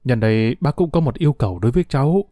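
A man's voice: medium pitch, expressive, fast talker, warm tone, no echo, clean studio sound, close to an everyday voice. A man voicing a firm, caring older mother-in-law in a storybook reading.

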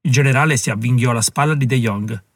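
Man reading a novel aloud, steady dramatic tone, super dry close sound. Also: mid-range voice, fast, no room sound. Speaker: audiobook narrator. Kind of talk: scripted narration.

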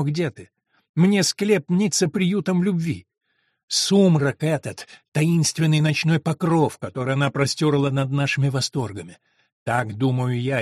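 A man reading a novel aloud, voicing a domineering, lustful monk who speaks slowly and coaxingly. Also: darkish tone, husky, no echo, studio quality. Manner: low, slow and coaxing.

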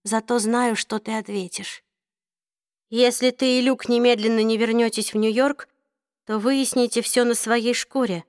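Woman reader as a defiant teen girl in an audiobook, a bit higher and pleading, dry close sound. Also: steady tone, a little slow, no room sound, lightly acted. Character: hurt, defiant teenage girl.

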